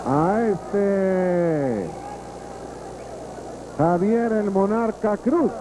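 A man with a Mexican accent works as a wrestling commentator. His voice sits high, and he speaks slowly with a ceremonious announcer's address. The recording is an old, noisy television broadcast from an arena.

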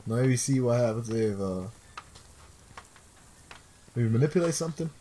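A man with a mellow, medium-pitched voice gives casual game commentary in short, laid-back remarks. There is faint noise and game ambience behind him. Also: lively intonation, moderate pace. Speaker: gaming co-commentator. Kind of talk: casual let's play commentary.

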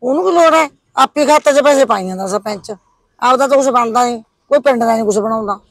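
A woman's voice: on the high side, fast talker, no room sound. A woman playing a gossipy, complaining old village woman, with a Punjabi accent. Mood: gossiping. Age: older. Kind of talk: village comedy drama.

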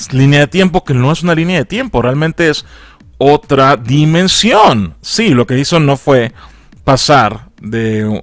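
A man's voice: medium pitch, no echo. A man with a Mexican accent, recapping a film in a casual, slangy way and acting out characters' lines in a raised voice. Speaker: film reviewer.

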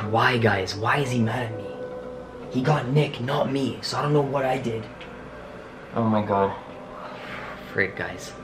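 This paranormal challenge vlog features a young adult man speaking dramatically and urgently to camera from a small home office, punctuated by exclamations and sighs. He is medium-pitched and unhurried, leaving long pauses, against a noisy background with music.

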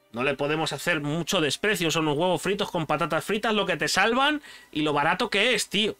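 A young man from Spain with a Spanish accent, chatting casually and animatedly while ranking foods for his channel, full of slang. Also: high voice. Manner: animated, slangy, addresses viewer as "tío". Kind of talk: casual chat, food tier list.

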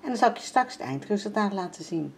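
Speaking quickly with lively intonation, this older woman from the Netherlands has a medium-pitched, gravelly voice. She vlogs casually from inside her home about her sewing and cooking, filling her talk with fillers, and there's slight background noise.

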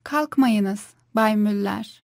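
A woman's voice: medium pitch, slow pace, gravelly, a little mellow, no room sound, studio quality. A woman carefully repeating short phrases for a language course. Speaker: Turkish phrase reader. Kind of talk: scripted phrasebook reading.

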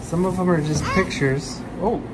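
A young father chatting casually as he films his kids at an indoor penguin exhibit, relaxed and chuckling. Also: high voice, moderate pace. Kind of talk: casual family vlog narration. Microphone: handheld phone camera. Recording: noisy phone recording in an exhibit hall.

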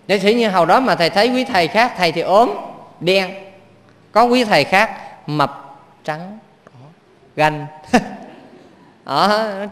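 A man's voice: high-pitched, fairly bright tone. A man with a Southern Vietnamese accent, a Buddhist monk teacher giving a sermon in a playful, chuckling manner and often quizzing his listeners. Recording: reverberant hall.

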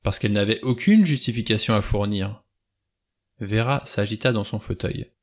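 A man reading a novel aloud in steady, plain storytelling narration. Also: on the low side, normal speed. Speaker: audiobook reader. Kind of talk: scripted narration.

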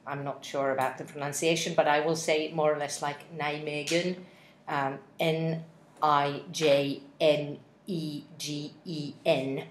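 A Finnish-native woman in her forties delivers a practice speech for interpreters, hesitating a lot and spelling words out. Her voice sits low, and a laptop webcam records her in an office meeting room with window blinds, where the sound echoes and carries a slight hiss or hum.

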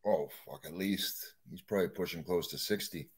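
A man hosting a casual livestream chat, relaxed and blunt. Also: low voice, moderate pace, husky. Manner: relaxed, blunt, talks about wrestling buddies. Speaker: show host.

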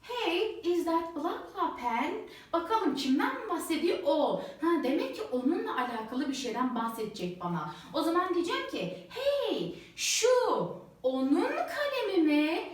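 Lively woman teacher in an echoey room. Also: sits high, distant mic. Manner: lively, slows down to read English sentences aloud. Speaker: English teacher. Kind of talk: explaining worksheet answers. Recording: roomy echo, voice a bit off mic.

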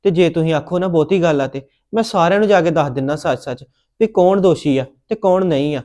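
A man's voice: on the high side, a little fast, warm tone. A young man with a Punjabi accent, acting an adopted son in a family drama, pleading and apologetic.

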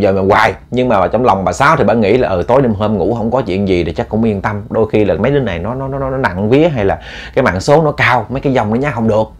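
Man, ghost story narration, colloquial and repetitive, middling pitch.

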